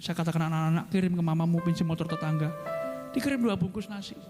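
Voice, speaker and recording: A man's voice: a little high, quick pace. A middle-aged man giving an earnest personal testimony in a church service, often turning to address the congregation directly. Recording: reverberant church hall with instrumental music behind.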